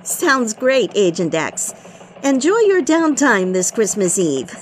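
A woman playing a chipper female elf news reporter who delivers a mock radio news report in a bright, bouncy newsreader manner. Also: fairly high pitch, very animated, slow pace, a little hiss or hum. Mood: perky. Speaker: news anchor.

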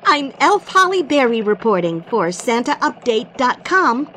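A woman playing a cheerful Christmas elf who reports the news on radio, earnest and excitable. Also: a little high, measured pace, a little hiss or hum, heavily acted. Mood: touched.

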